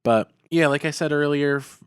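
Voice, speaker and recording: A man's voice: fairly high pitch, normal speed, clean tone, no echo. A man co-hosting a comedy podcast, chatting casually with a dry, ironic, laid-back manner. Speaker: podcast co-host.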